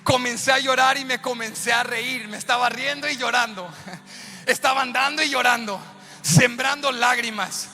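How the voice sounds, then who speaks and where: A woman's voice: a little high, moderate pace. Passionate woman preacher in a reverberant church. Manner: passionate preaching that swells to shouting. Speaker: pastor. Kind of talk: sermon. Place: church sanctuary. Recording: church hall reverb with soft music.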